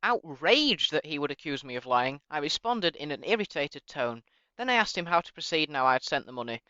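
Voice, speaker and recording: Bright-voiced man, sarcastic narration. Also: a little high, a little fast, clear, resonant tone, dry recording, lo-fi sound. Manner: mock-polite, sarcastic and deadpan. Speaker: channel host narrating. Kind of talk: scripted comic narration reading emails aloud.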